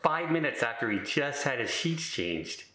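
A middle-aged man tells a story casually and rambles, often restarting with "and, uh." His voice is bright and clear at a mid pitch. The room adds a noticeable echo. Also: very animated, normal speed. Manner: rambling, many filler words and restarts. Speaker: vlogger.

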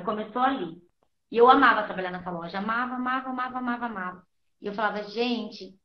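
Woman guest, fairly high voice, earnest storyteller who quotes her past self, roomy echo on the track. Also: highs cut off. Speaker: podcast guest. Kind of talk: casual interview storytelling.

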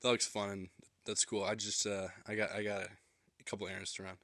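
A man's voice: lowish voice, little pitch movement, quick pace, bright, forceful tone. A young man playing a polite but skeptical friend who hesitates, stammers and questions what he is shown in a basement. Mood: hesitant, doubtful. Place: cluttered home basement.

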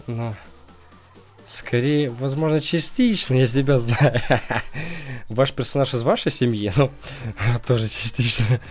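Over a screen recording, a young gaming YouTuber chats casually through a let's-play, joking and laughing often. His voice is mid-range and a little mellow.

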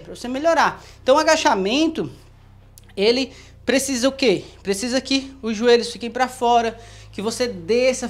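A woman giving casual, joking workout instruction as a fitness coach, demonstrating moves as she talks. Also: on the high side. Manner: playful, joking, demonstrating moves while talking.

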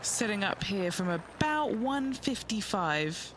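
A man playing a calm, observant on-course golf commentator who gives brief reports in a video game. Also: sits high, takes it slowly, heavily acted. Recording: noisy outdoor crowd ambience. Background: crowd and outdoor noise.

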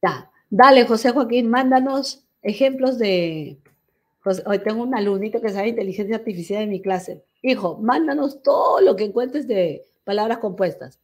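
A woman's voice: medium pitch, normal speed, a little mellow. A middle-aged woman teaching an online class, chatty and teasing with her students. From Peru. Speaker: language teacher.

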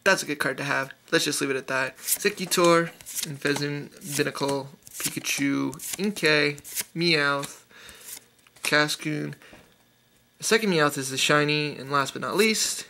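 Male YouTuber, upbeat pack-opening commentary, bright tense tone, light background hiss. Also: on the high side, vocal fry. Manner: rapid-fire listing of card names, enthusiastic. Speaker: YouTuber opening trading card packs. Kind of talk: casual card-opening commentary.

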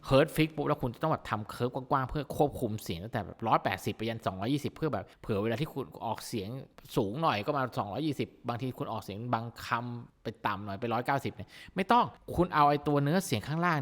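A man teaching vocal mixing in a casual, excitable way, breaking into amazed exclamations as he demonstrates a plugin. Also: mid-range voice, long reverb tail. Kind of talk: plugin tutorial explanation.

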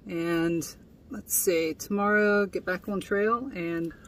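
Far from the mic, with a little hiss or hum on the recording, a young woman talks slowly in a low, steady voice. It's a casual vlog from inside a small tent where she recaps her day, chatty and full of fillers and laughs.

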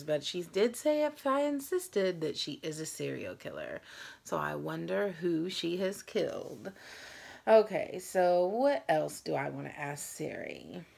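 Tired woman with a low, creaky voice. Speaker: host of a challenge video. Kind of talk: casual chat vlog to camera. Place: small room at home.

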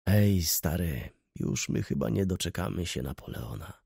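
A man reading the part of a coarse, blunt old man in an audiobook, speaking gruffly. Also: mid-range voice, very animated, measured pace, warm tone, no echo, studio quality, full character voice. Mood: weary.

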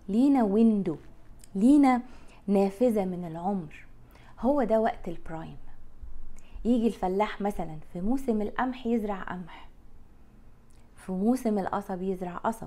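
A woman in her forties with an Egyptian Arabic accent, talking straight to camera in a frank, blunt way as a life coach, recorded on a lapel mic in a bright room. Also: mid-range voice.

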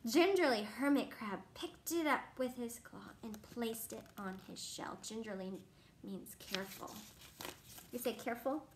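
A young woman reading a picture book aloud to a child, animated and pausing to ask questions. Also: fairly high pitch, slight background noise. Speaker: reader to a child.

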